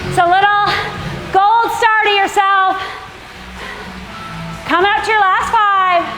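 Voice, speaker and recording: Taking it slowly, a woman coaches an indoor cycling workout with a very high-pitched, fairly even voice. She projects encouragement and counts down, and the echoey room is filled with workout music.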